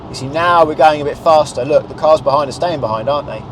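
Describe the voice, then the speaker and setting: Talking fast in a fairly high voice, a man in his thirties with a British accent works as a driving instructor, guiding a learner during a lesson in a small car. He uses short directions and checking questions, and his clip-on lapel mic catches road and engine noise.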